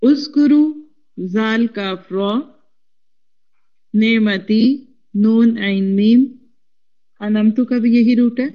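A Quran Arabic teacher, a woman with a slightly high voice, leads a classroom lesson, slowly spelling out root letters and coaxing the class to repeat after her. The recording is muffled.

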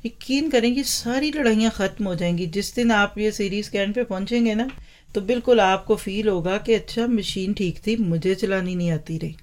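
A woman's voice: medium pitch, normal speed, a little mellow. Woman giving a homely religious talk. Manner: talks straight to the audience with rhetorical questions and homely examples. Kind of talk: Islamic lecture on parenting. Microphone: microphone in front of her.

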